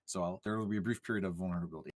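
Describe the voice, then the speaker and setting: Fast-talking low-voiced man gaming. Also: dry recording, studio quality. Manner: quick, joking, talks through plans aloud. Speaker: player. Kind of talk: tabletop game play over voice chat.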